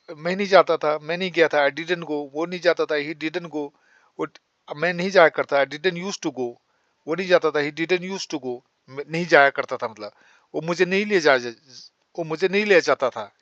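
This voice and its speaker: A man teaching spoken English, explaining in Hindi and saying English sentences slowly. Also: on the high side, a bit bright, dry recording, dull audio.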